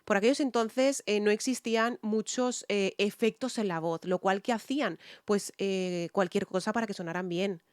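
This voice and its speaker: A woman's voice: mid-range voice, steady tone, moderate pace, few pauses, clear, resonant tone, no room sound, studio quality. Chatty Spanish woman reacting to songs. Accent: Spanish from Spain. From Spain. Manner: chatty, many fillers, hums snatches of melody. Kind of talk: casual reaction commentary.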